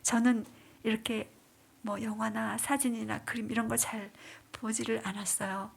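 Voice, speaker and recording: A woman's voice: fairly high pitch, flat delivery, normal speed, creaky, husky. A woman deaconess giving an emotional church testimony, dropping to whispers and rising into pleading cries. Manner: dramatic, drops to whispers then rises into pleading cries.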